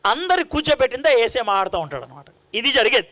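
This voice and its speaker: A man preaching a sermon in an animated, conversational way, full of rhetorical questions to his listeners. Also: extremely high pitch, quick pace.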